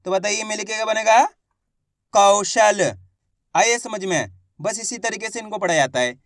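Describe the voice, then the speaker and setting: A man teaching children's Hindi reading online, sounding out words syllable by syllable and then saying each whole word louder, while urging viewers to repeat after him. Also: high voice, normal speed, no room sound, studio quality. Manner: addresses the viewers as friends and urges them to repeat after him.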